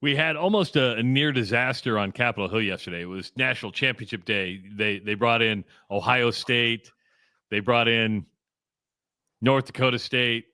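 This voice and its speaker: A man co-hosting talk radio, setting up stories toward a punchline. His voice has a bright, forceful edge and a mid pitch. The sound is close and dry in a studio. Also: normal speed, smooth, no room sound. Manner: storytelling, builds up to punchlines. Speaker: radio show co-host. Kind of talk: casual talk radio banter.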